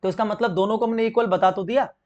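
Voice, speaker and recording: A young Indian man teaching an exam-prep grammar lesson, asking and answering his own questions and reading example sentences slowly. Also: high voice, steady tone, a little mellow, dull audio.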